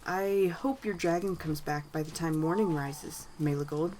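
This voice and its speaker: A woman voicing a kind, cheerful boy who speaks warmly and gently. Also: sits low, normal speed, slight background noise, natural voice, rough recording. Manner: warm and gentle.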